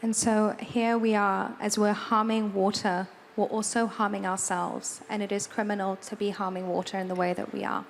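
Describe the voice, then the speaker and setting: A woman interpreting on a panel, relaying each passage in steady, even phrases. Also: medium pitch, normal speed, gravelly, hardly any pauses, a little hiss or hum. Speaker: moderator and interpreter. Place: large hall at an event.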